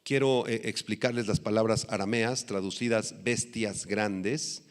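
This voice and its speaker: A male pastor preaching a sermon in an animated, teacherly way, rising loud on key points and slowing down to stress words. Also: fairly low pitch. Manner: teacherly, spells out terms and tells listeners to note them. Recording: long hall reverb.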